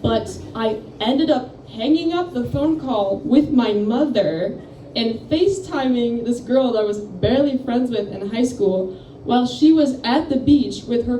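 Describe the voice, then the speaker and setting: This young woman's voice is on the high side and mellow as she delivers a meandering, self-mocking comedy set into a handheld mic at a campus coffeehouse. The sound comes from a distant room mic, so it's echoey and noisy.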